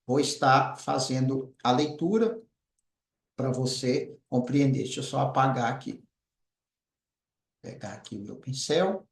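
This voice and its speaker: A man teaching a recorded lesson, patiently repeating words slowly as he writes. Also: mid-range voice, lively intonation, creaky, echoey room. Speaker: Biblical Hebrew teacher.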